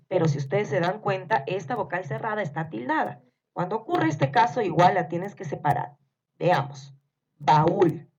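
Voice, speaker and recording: Woman teacher going over grammar, kinda husky voice, slow and careful, dull lo-fi sound. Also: medium pitch. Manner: slow, deliberate, spells out syllables. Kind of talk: scripted grammar lesson narration. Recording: dull lo-fi recording.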